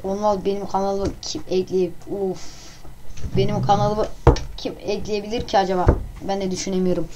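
A woman's voice: mid-range voice, level tone, normal speed, noisy background. A woman hosting her own channel, casually talking through a guessing game while giggling and joking crudely. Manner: giggly, answers questions aloud and jokes crudely.

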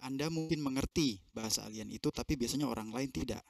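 A man's voice: mid-range voice, quick pace, gravelly. A man giving consecutive interpretation of a seminar over a video call, translating phrase by phrase with fillers and self-corrections.

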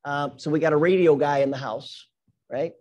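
This is a man leading an office team meeting, his voice sitting slightly high. He moves through announcements and birthday shout-outs in an upbeat, teasing way, checking in with the room with quick "right?" asides. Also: steady tone. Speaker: meeting leader.

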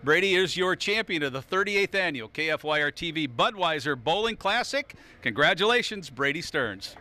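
A man's voice: a little high, expressive, sharp tone, slight background noise. A man hosting a televised bowling tournament, interviewing players and presenting trophies with an upbeat manner. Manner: upbeat, quick to laugh. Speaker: TV sports host.

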